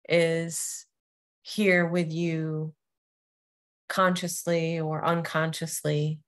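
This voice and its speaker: Leading a meditation, a female yoga nidra teacher speaks in short, gentle, deliberate phrases separated by long pauses. Her pace is extremely slow, and her slightly low voice has a distinct creak.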